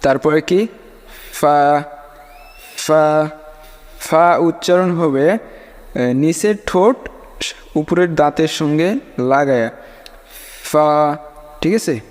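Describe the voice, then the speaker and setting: Man, Bangladeshi Bengali accent, slow patient letter-by-letter teaching, raised pitch, reverberant room. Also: darkish tone. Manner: repeats each letter twice, checks in with "ok?". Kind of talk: slow step-by-step pronunciation lesson.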